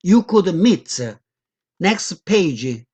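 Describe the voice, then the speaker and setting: A woman's voice: lowish voice, sing-song, drawn-out words, dark tone, husky, lo-fi sound. A woman giving a guest lecture, walking through slides in non-native English with loose grammar and frequent check-in questions to the audience.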